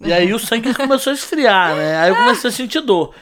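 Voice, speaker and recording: A young Brazilian man telling a dramatic story in casual chat, exaggerated and animated, shrieking when he quotes people. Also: high-pitched, a little fast. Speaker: storyteller guest.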